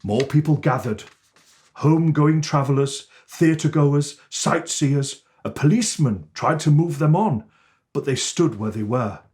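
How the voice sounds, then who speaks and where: Here the same Father Christmas storybook reading comes in a slightly high register. The man delivers each line in a theatrical, measured, expressive way.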